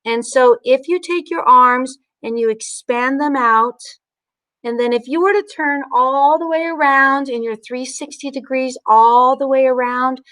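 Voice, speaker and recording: A woman teaching mindfulness and guided breathing in an informal, instructional way, leaving pauses between her phrases. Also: high voice, steady tone, a bit bright, no echo. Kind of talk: guided breathing meditation and informal spiritual talk.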